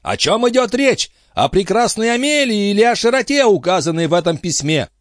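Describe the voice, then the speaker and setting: A man voicing an excitable, hot-tempered old sea captain who shouts in high, agitated bursts. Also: brisk, no echo, clean studio sound. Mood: furious.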